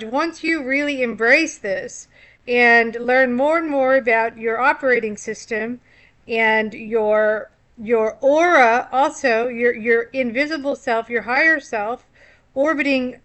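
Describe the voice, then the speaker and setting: A woman's voice: a little high, fairly bright tone. A woman giving a rambling spiritual monologue, full of wordplay, repeating and restarting her words. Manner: laughs at own puns. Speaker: esoteric astrology commentator.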